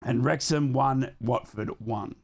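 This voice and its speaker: A man speaking slowly at a medium pitch hosts a live football watchalong, chatting casually while reading out live scores and thanking viewers who donate. He sounds a bit sick and is losing his voice.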